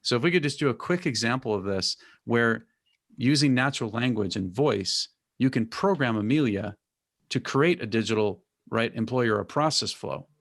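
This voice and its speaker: A man's voice: medium pitch, expressive, normal speed, fairly bright tone. A man hosting a fireside chat, who sums up the guest's points with enthusiasm and prompts with questions. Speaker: host.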